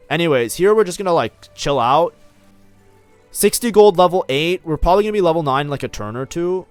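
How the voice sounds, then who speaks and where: A man casually commenting on his own strategy game match as a streamer, talking in a loose, chatty way full of fillers. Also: medium pitch. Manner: chatty, lots of fillers like "like, you know".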